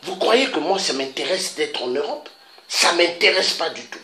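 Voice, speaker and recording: A man from Africa making an impassioned, repetitive public appeal, pleading with his listeners and pausing on interjections. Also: fairly high pitch, animated, sharp tone. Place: Paris. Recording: echoey room with faint noise.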